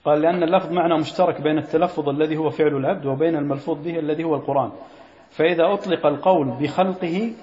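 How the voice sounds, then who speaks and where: A sheikh teaches a creed text in a classroom lesson, his fairly high, slightly mellow voice racing along as he quizzes students and repeats key phrases. The lo-fi recording was made in an echoey hall.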